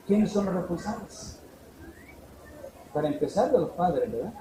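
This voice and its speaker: A man preaching a fervent sermon, swinging from emphatic peaks down to low, quiet lines. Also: big pitch swings, unhurried. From El Salvador. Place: church hall. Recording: echoey church room, faint noise.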